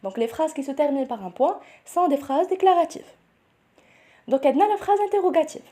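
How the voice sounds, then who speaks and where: Fast-talking Moroccan woman teaching grammar. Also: high voice, expressive, dark tone. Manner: switches between French and Moroccan Arabic, checks in with "c'est bon?"; explains step by step, restating each point. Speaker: teacher preparing students for nursing school entrance exams. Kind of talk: exam-prep grammar lesson.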